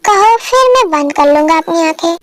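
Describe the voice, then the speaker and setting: A woman's voice: extremely high pitch, animated, normal speed. A woman voicing a teasing, clingy young boyfriend who talks in a playful, coaxing way in an amateur dubbed romance drama.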